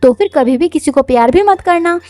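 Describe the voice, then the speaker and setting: A woman's voice: high voice, animated, brisk, mellow, dry recording. A clingy young nobleman who dotes on the girl he likes, as a woman puts him on in a manhwa recap. He talks in a pleading, affectionate way and sounds dry and close, with no room around him.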